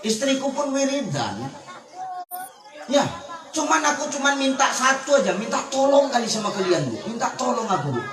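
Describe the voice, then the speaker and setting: Man, comic sermon, lively storytelling, echoey room, loud audience laughter and noise. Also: very high-pitched, normal speed. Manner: animated storytelling, acting out voices. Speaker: preacher. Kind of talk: humorous sermon to a congregation. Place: religious gathering with a laughing audience. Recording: echoey PA sound from far off, crowd laughing.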